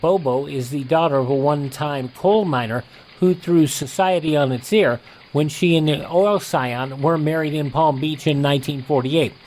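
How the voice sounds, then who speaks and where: Here a male radio host with an American accent narrates scripted announcements, ads and old headlines, in presenter fashion. He has a slightly high, somewhat mellow voice, captured in a low-quality recording with a bit of hiss or hum.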